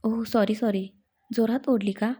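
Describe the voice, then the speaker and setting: A loving young wife who coaxes and scolds playfully, read by a woman. Her voice is warm and mellow in a storybook reading, and her delivery is sweet and light. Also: a little high, steady tone, a little slow, slightly rough. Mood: affectionate. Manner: sweet, coaxing, mock-stern.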